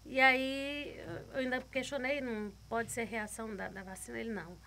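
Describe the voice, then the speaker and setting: A woman's voice: on the high side, steady tone, normal speed, vocal fry, bright, forceful tone. A woman guest telling a personal faith testimony, retelling it vividly, repeating words and acting out other people's lines.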